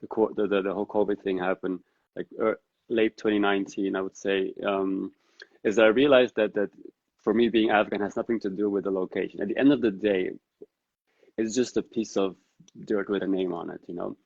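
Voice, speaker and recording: Speaking a bit quickly in a creaky, flat voice on the low side, a man who grew up speaking Dari and lives in the Netherlands appears as a guest on a podcast. The conversation is a casual interview, and he thinks aloud earnestly and reflectively. No room sound is present, though the recording is dull and lo-fi.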